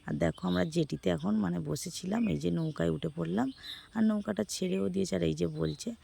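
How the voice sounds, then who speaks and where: Hoarse, gravelly woman chatting to viewers. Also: on the low side, a little fast, warm tone. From West Bengal, India. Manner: chatty, addressing viewers as friends. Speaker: vlogger. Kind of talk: casual vlog voice-over. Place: outdoors.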